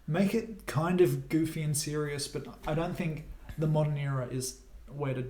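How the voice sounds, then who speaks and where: A young man co-hosts a casual film chat, speaking a little higher than most men but with a dark, mellow tone. He thinks out loud in a measured way and offers his own opinions. The room adds a roomy echo. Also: fairly even intonation. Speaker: podcast co-host.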